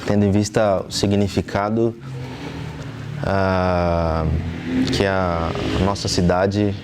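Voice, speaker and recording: A young man from southeastern Brazil with a Brazilian Portuguese accent, answering interview questions earnestly in a TV studio, pausing often with fillers. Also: low voice, little pitch movement, heavy background noise. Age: young adult. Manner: earnest, thoughtful, with frequent hesitation fillers. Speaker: interview guest, trumpeter.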